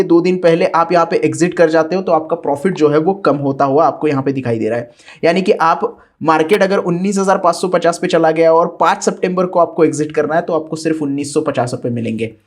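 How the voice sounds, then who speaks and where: Indian-accented male tutor, fairly high voice, patient and explanatory. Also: a little mellow. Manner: patient, explanatory, many fillers. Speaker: finance educator. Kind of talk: screen-share tutorial explanation.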